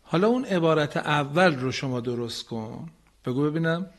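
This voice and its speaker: A man with a somewhat high, expressive voice leads a radio lesson in Quran recitation. He models phrases slowly, occasionally chanting, and corrects his students with patience.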